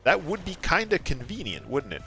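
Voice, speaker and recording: A man doing casual live gameplay commentary in an excitable, rambling, jokey way. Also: a little high, fairly quick, creaky. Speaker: game streamer. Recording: game music behind the voice. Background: video game music.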